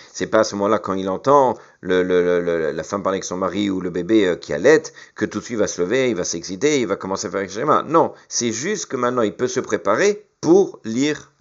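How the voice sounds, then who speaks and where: A man's voice: low-pitched, lively intonation, brisk. A man teaching a Talmud lesson. He reads each Hebrew or Aramaic phrase, translates it, and hesitates often with fillers and repeated words. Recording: dull lo-fi recording.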